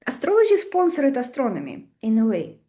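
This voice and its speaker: A woman's voice: high voice, wildly swooping pitch, brisk, warm tone. A woman with a Russian accent giving an informal astrology lecture, emphatic and conversational, often putting rhetorical questions to her listeners. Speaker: astrology teacher. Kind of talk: informal lecture to a live group.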